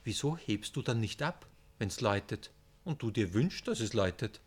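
A man's voice: lowish voice, normal speed, breathy edge. A man voicing a cheerful, teasing old man while reading his book aloud. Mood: needling. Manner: lively, raised and teasing.

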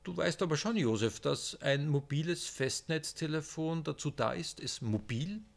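A man's voice: fairly high pitch, normal speed, vocal fry, pitched above the performer's own voice. A man voicing a cheerful, teasing old man while reading his book aloud. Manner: lively, raised and teasing.

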